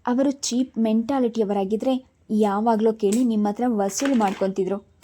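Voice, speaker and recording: A woman's voice: a little high, steady tone, moderate pace, mellow, slight background noise, natural voice. A woman voicing an outspoken, loyal female friend who talks bluntly and indignantly in a storybook reading.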